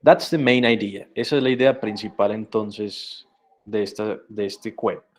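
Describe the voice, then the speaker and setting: Man, English teacher, online class, slow patient delivery, switches between English and Spanish. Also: lowish voice, steady tone. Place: video conference.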